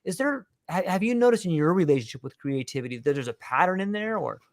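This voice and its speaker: A man hosts a casual podcast conversation in a somewhat higher voice than most men. He muses and circles back on his thoughts, talking in a rambling, reflective way. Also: expressive, quick pace. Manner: meandering, reflective talker. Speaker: podcast host; father.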